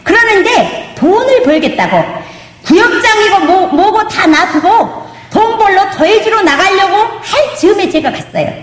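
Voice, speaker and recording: A woman's voice: very high voice, big pitch swings, unhurried. A woman pastor preaching a testimony sermon, emphatic and calling out to the congregation, sometimes slipping into a sung lilt. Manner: emphatic preaching, asks the congregation "do you believe?"; drifts into sung intonation. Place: church sanctuary. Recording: echoey hall.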